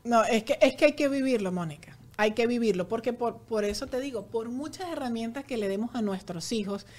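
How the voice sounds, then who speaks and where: Woman guest talking earnestly, kinda high voice, gets animated and acts out what people said. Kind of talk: casual conversation.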